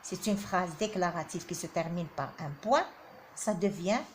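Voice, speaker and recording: A woman's voice: fairly low pitch, moderate pace, a little hiss or hum. A woman teaching a grammar lesson, who repeats each example sentence aloud and hesitates often with fillers.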